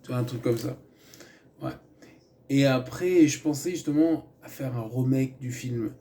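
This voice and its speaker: A man's voice: mid-range voice, moderate pace, dark tone. A man giving a loose, rambling film review in casual chat, full of fillers, restarts and asides. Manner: meandering, many fillers and restarts, chatty asides.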